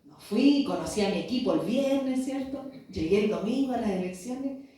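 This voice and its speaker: In an echoey church hall, heard from a distance, a woman gives a sermon testimony, telling her story and acting out the dialogue with rhetorical questions. Her mellow voice sits on the high side, with lively intonation at a normal speed.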